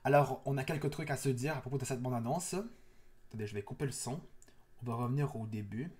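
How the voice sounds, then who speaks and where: A man's voice: medium pitch, quick pace, darkish tone. Eager, chatty male trailer-reaction host. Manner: eager, chatty, with frequent restarts. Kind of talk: casual trailer reaction commentary.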